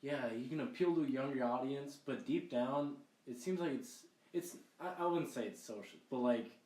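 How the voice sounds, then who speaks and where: A young man co-hosting a podcast, chatting about politics in a halting way with many restarts. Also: medium pitch, mellow, distant mic. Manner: halting, full of restarts and fillers. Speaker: podcast co-host. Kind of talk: casual political chat. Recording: echoey room, a bit off mic.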